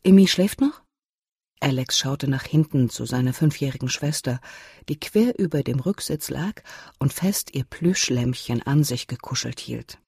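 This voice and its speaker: An audiobook narrator reading scripted narration in a measured, expressive way. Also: mid-range voice, vocal fry, breathy edge, no room sound, studio quality.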